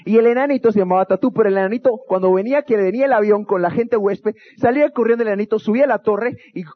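A man's voice: sits high, quick pace, narrow, tinny audio. A man from Guatemala, speaking as a youth pastor to an audience, telling stories with humor and acting out quotes. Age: adult, married. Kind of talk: motivational talk to an audience.

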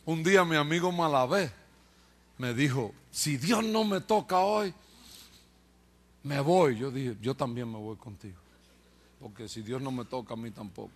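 Speaking in a mid-range voice, a little slowly and with frequent pauses, this preacher shares his testimony humorously. He imitates the voices of others and jokes and laughs at his own expense.

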